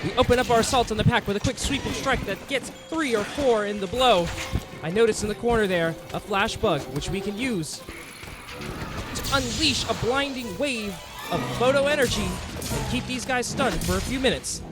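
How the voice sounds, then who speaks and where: An extremely high-pitched man speaks at normal speed, narrating a monster hunt in the first person like a dramatic scripted adventure story. Music accompanies his voice.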